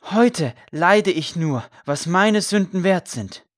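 A man voicing a gaunt condemned priest who preaches loudly to a crowd. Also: high-pitched, lively intonation, slow pace, dry recording, clean studio sound, voice pushed up. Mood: fervent. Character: gaunt condemned male priest, fervent and forgiving.

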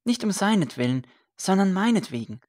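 A fervent young man, once a royal scribe, as a woman reader puts him on, speaking earnestly and with pressing conviction. The voice sits a little above the reader's own low register. A storybook figure, zealous and defiant. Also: sing-song, brisk, darkish tone. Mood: pleading.

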